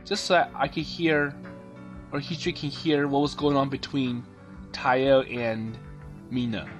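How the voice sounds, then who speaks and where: A man's voice: mid-range voice, flat delivery, a little slow. A man casually commenting on a story game, hesitantly summarizing and paraphrasing the dialogue with many fillers. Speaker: let's play commentator. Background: game music.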